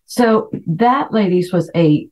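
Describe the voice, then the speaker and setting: Taking it slowly, a middle-aged woman raised in Latin America hosts a podcast with an informal, chatty self-help talk built around anecdotes. Her lowish voice is animated with a darkish tone, and the lo-fi recording comes across dull.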